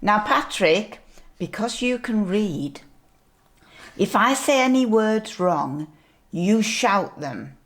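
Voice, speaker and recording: Slow-reading sweet older woman, grandmotherly storyteller. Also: mid-range voice, animated. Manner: slow, deliberate storytelling with asides. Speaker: grandmother reading a picture book. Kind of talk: storybook read-aloud to young children.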